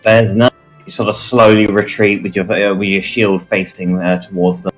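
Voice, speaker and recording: A man narrating as game master, measured and pausing often with fillers. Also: lowish voice, flat delivery, faint music behind.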